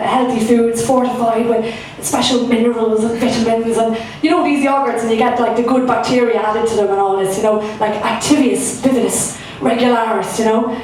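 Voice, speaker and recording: A young Irish woman's stand-up set at a comedy club comes through in a fairly high, darkish voice, loose and self-mocking with lots of fillers. She's far from the microphone amid strong room echo, and a faint room hum sits underneath.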